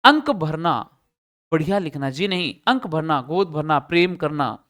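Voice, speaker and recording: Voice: mid-range voice, animated, measured pace, a bit bright. A teacher in a live test-solution class who explains each answer step by step and poses questions to the students.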